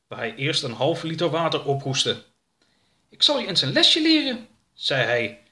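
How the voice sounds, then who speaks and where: A man reading a children's story aloud as a lively storyteller. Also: medium pitch. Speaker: narrator. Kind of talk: scripted storybook narration.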